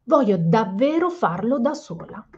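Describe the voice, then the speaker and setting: A woman reading aloud, voicing a tiny young female elf who is earnest and determined, with a small soft voice. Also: a little high, big pitch swings, measured pace, husky, exaggerated voice. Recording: slightly dull lo-fi sound.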